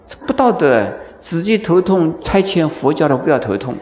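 A man's voice: a little high, big pitch swings, normal speed, a little mellow, reverberant. Man giving a Buddhist dharma lecture. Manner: storytelling, acts out dialogue with chuckles; asks the audience questions. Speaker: Buddhist monk and teacher.

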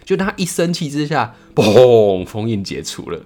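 Playful, laughing podcast host. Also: male voice, a little high, very animated, fairly quick. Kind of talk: storytelling podcast chat.

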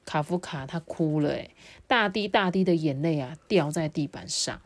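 Mom reading storybook to her kid, lowish voice, sing-songy. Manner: animated, sing-song, drawn-out particles. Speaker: mother reading to her child. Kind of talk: storybook read-aloud.

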